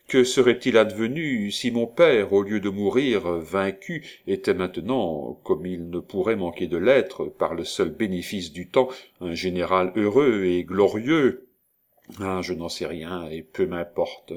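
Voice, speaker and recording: Man reading as proud young noblewoman, haughty, passionate, a bit low. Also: unhurried. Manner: haughty, impassioned.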